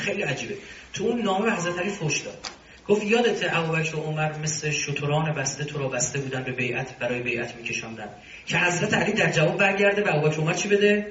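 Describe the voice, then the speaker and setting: A man's voice: fairly high pitch, pushed and bright. A male religious commentator who gives an argumentative lecture, breaking off now and then into mocking asides. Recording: roomy, distant, dull sound.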